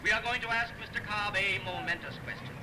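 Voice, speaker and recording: This man's voice sits high and moves fairly quickly as he acts the part of a formal civic chairman giving a solemn, rousing speech from a 1930s film. The banquet oratory is declamatory and heard as a disembodied voice through a car radio, on a noisy, distant period soundtrack.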